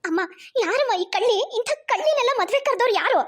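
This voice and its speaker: A woman voicing a shrill, scolding young bride in a cartoon. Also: lively intonation, fast talker. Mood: accusing.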